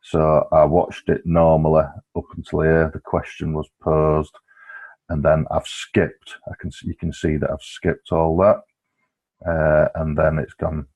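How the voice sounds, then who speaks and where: Very deep, flat, husky-voiced man tutor. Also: unhurried. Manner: relaxed, explanatory, with frequent fillers. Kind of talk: screen-recorded software walkthrough.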